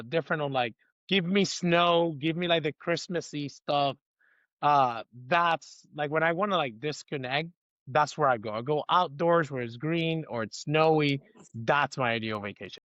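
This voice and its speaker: A man's voice: on the high side, a bit bright, no echo, lo-fi sound. Laid-back man from Puerto Rico. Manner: laid-back, joking, says "man" and "baby". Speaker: band member guest. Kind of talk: casual podcast chat.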